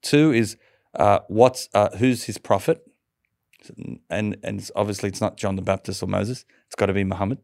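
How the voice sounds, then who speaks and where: Man, interview guest, low gravelly voice, animated storyteller who restarts his sentences. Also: normal speed, dry recording, studio quality. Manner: lively storyteller, laughs often, stumbles and restarts. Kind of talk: telling a personal conversion story.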